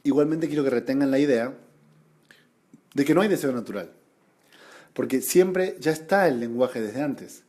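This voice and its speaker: A man's voice: medium pitch, normal speed, long pauses, warm tone. A man with an Argentine Spanish accent teaching a study group in an explanatory lecture, often adding rhetorical tag questions and repeating points for emphasis.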